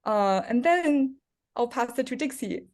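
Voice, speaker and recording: A young woman from China hosts a student Q&A on a video call as co-president of a student club, moderating casually but hesitantly with many fillers. Her voice is a little high and darkish, with lively intonation and an unhurried pace.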